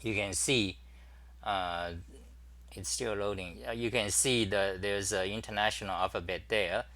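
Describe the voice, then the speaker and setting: A man hosting a casual livestream, demonstrating his computer workflow and greeting viewers, talking haltingly with many fillers and restarts. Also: lowish voice, fairly even intonation, sharp tone. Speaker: talk show host. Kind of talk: casual screen-share livestream.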